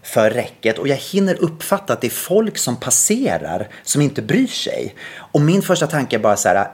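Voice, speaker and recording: A podcast host tells a story from his own day. He talks casually, with plenty of restarts, and acts out what people said in a lively way. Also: mid-range voice. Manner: animated retelling with quoted dialogue and many restarts.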